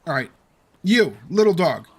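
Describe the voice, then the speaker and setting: Playful slow-talking man gaming. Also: a little high, big pitch swings. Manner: playful, taunts the game's animals. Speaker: gaming video host. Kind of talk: let's play commentary.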